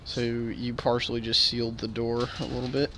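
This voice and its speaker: Man, dungeon master, casual halting narration, mid pitch, faint hiss. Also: completely flat delivery, sharp tone. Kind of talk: narrating a tabletop game.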